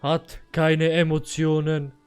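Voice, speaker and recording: A man voicing a slow, stiff male robot helper, speaking in a drawn-out robotic monotone during a co-op game recording. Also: fairly high pitch, smooth, faint music behind.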